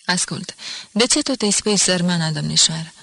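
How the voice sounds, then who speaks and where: A woman's voice: fairly low pitch, expressive, vocal fry, pushed and bright, dry recording, heavily acted. A woman reading an audiobook, voicing a curious young male army lieutenant who asks questions in a blunt way. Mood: probing.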